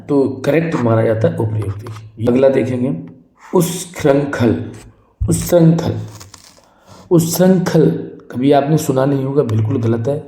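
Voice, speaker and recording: A man teaching an exam-prep spelling lesson, saying each word slowly and more than once, then asking the class what the right answer is. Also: mid-range voice, dark tone, roomy sound. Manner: drills each word slowly and repeatedly, asks the class questions. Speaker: Hindi teacher.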